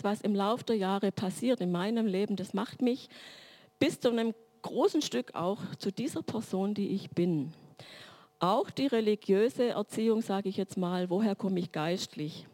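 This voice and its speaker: A woman's voice: mid-range voice, measured pace, a little mellow. A middle-aged woman giving a sermon-like teaching talk in a reflective way, building her points through long spoken lists. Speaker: church speaker.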